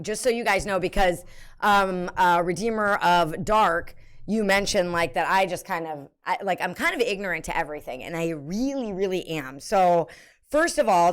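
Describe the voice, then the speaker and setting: A woman's voice: lowish voice, a bit bright, smooth. A woman streamer chatting casually, with an unusual voice that startles people, rambling with lots of fillers and giggles. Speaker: livestreamer reacting to videos. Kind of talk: casual chat.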